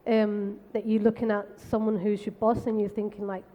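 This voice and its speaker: Brisk woman from Spain, mellow tone. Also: mid-range voice, level tone. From Spain, Canary Islands. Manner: brisk, frank, self-deprecating. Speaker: panel speaker, tech co-founder. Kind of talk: conversational panel talk. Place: conference stage. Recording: long hall reverb.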